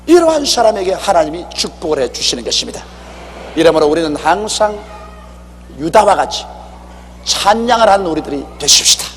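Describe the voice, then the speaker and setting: A man preaching an animated, exhorting sermon as a pastor in a church sanctuary, often acting out dialogue. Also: high voice, brisk. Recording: echoey hall with faint hum.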